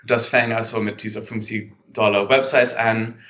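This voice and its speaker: A Canadian man in his thirties, a native English speaker with a Canadian accent, appears as a guest entrepreneur and answers interview questions hesitantly, searching for words. His voice is fairly low, steady, moderately paced and a bit bright, though the recording has a dull lo-fi sound.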